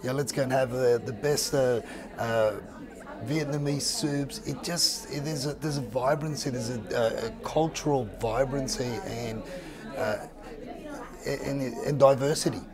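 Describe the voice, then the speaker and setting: A man speaking haltingly with many uhs in a street interview. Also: medium pitch, steady tone. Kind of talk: vox pop interview. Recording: street crowd noise behind.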